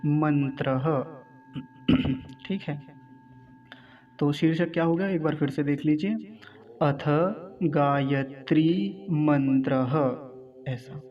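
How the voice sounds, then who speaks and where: Man teaching pronunciation slowly, slightly muffled. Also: fairly high pitch. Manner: slow, syllable-by-syllable demonstration with teacherly questions. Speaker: Vedic recitation teacher. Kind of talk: pronunciation lesson.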